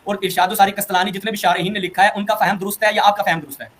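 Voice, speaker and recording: A man hosts a religious debate and presses his opponent with sharp, sarcastic questions. His voice is notably high. Faint noise sits behind him. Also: little pitch movement. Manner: pointed, challenging, sarcastic questions. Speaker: debate host.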